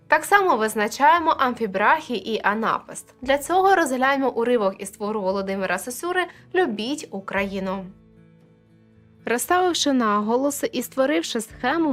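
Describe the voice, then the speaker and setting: Higher-voiced woman teaching a poetry lesson. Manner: clear explanatory, counts syllables aloud, addresses viewers directly. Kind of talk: video lesson on poetry meter.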